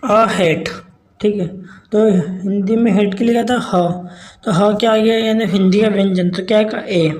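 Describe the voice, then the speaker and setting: A man's voice: high-pitched, fairly even intonation, measured pace, darkish tone, rough recording. Man teaching, asking and answering himself. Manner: asks and answers his own questions, checks in often. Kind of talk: explaining grammar lesson.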